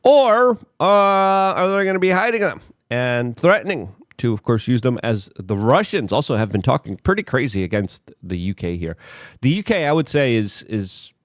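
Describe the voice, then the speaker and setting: A man from Poland giving opinionated political commentary, hesitant and full of filler words, with sudden emphatic jumps in pitch. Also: big pitch swings, normal speed, no room sound, studio quality.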